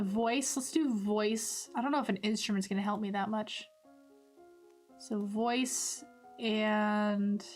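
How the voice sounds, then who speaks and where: A woman streamer playing a text game, reading its narration aloud in a rambling, self-deprecating way. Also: a little high. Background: soft background music.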